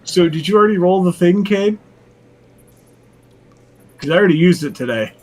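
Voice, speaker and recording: A man's voice: high-pitched, animated, moderate pace. A man playing a tabletop role-playing game, wry and swearing freely as his rolls go wrong. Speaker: player. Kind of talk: casual tabletop game chat.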